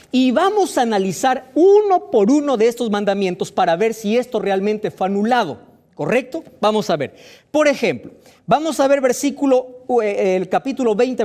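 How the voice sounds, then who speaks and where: Male preacher, expressive, sweeping delivery, quizzes the listener and plays out objections. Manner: rhetorical questions to the listener, voicing imagined objections; lively, dramatic swings in pitch and loudness. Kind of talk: sermon.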